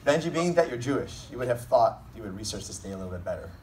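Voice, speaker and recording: Casting: man as best man, informal and joking, animated pitch swings, picked up from across a noisy room. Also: racing. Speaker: best man giving a wedding toast. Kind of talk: comedic wedding speech. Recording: distant mic, noisy room recording.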